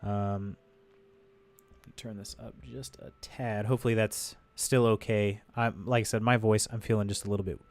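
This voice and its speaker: A somewhat low, steady male voice at a moderate pace belongs to a congested gamer streaming live. He talks loosely and rambles, with many fillers and false starts, recorded close and dry on a desk microphone.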